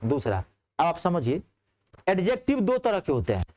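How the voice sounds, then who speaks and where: A man teaching a grammar class in speech, asking his students checking questions and answering them himself. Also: normal speed. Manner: lively, rising on questions and dropping low on answers.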